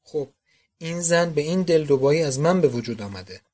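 A man's voice: a little high, animated, a little mellow. A man voicing a doting, emotional old father, speaking fervently and effusively.

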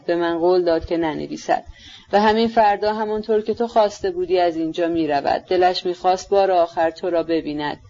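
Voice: medium pitch, dark tone, close to an everyday voice. A reader doing a bitter, mocking jealous man. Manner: blunt, with sneering asides. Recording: slightly dull lo-fi recording.

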